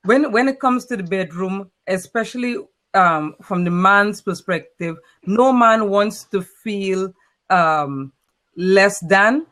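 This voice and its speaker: A woman's voice: mid-range voice, slow pace, fairly bright tone. A woman with a Trinidadian accent hosts a casual panel discussion over a video call, speaking earnestly and often repeating words as she starts a thought. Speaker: host.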